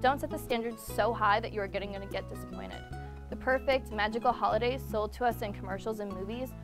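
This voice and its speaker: A young woman hosting a segment in a scripted presenter style, giving advice in a brisk, list-like way. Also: mid-range voice, music in the background. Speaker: segment host.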